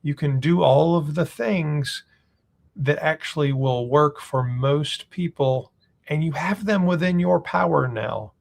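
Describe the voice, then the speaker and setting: A man's voice: fairly high pitch, a little slow, vocal fry. A man in his forties co-hosting a live question-and-answer chat, speaking earnestly and reading viewer questions aloud. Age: 40s. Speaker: co-host.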